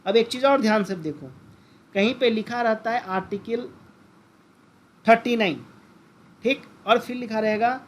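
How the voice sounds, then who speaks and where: Speaking at normal speed in a high-pitched voice, a man lectures his class and treats his listeners as friends. He frequently puts questions to them and restates the key terms.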